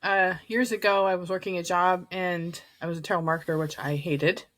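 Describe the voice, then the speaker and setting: A woman's voice: on the low side, fairly even intonation, a little fast. A woman co-hosting a podcast in casual chat, telling her own story bluntly, her voice hollow and tinny as if she were inside a tin can because her mic is too far away. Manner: frank storyteller who quotes herself bluntly. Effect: tinny, hollow sound as if inside a tin can, mic too far away. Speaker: podcast co-host.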